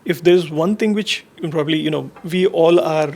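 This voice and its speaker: Higher-pitched Indian man interviewing. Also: moderate pace, darkish tone. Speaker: interviewer, marketing consultant. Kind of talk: conversational interview.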